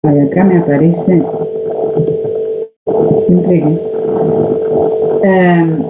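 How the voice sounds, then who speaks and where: A woman's voice: on the low side, steady tone, extremely slow. A woman with an Argentine accent teaching a history class over a video call, lecturing and posing rhetorical questions to her students. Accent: Argentine Spanish. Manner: lecturing, asks rhetorical questions, frequent "este" fillers. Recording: muffled online call audio, faint noise.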